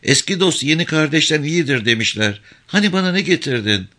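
Man doing brash teasing woman, bossy banter, high bright voice, audiobook character. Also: expressive, a little fast.

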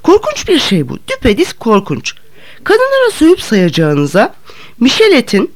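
A woman reading an audiobook, voicing a chattering, excitable provincial lady with a shrill, protesting tone. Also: normal speed. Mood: indignant.

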